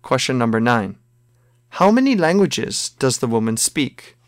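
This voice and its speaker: A man reads a language listening test, voicing one side of short scripted dialogues before reading the numbered questions. He speaks at an ordinary mid pitch, slowly, carefully and with textbook clarity, in a somewhat sing-song way. The recording is close and dry, without room sound.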